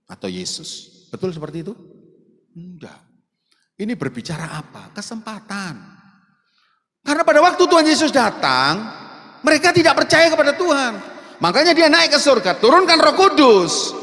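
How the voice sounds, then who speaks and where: A male pastor with a Surabaya Javanese accent, preaching a sermon and talking straight to the congregation, slipping into local dialect. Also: medium pitch. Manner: animated, addresses the congregation directly, slips into local dialect. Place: church sanctuary. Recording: echoey church hall with long reverb.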